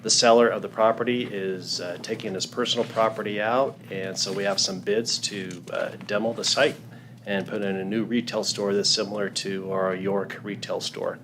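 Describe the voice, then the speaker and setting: A low-pitched man giving testimony in a council chamber, filling pauses with ums and uhs as he explains his company's plans. A faint hum of room ambience sits behind him. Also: fairly even intonation. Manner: hesitant, many ums and restarts. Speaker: wireless company representative. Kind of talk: public hearing testimony.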